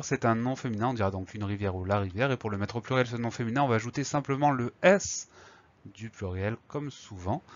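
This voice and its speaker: A man's voice: mid-range voice, dull audio. A man teaching a spelling lesson, spelling words out letter by letter and explaining each one patiently before a dictation.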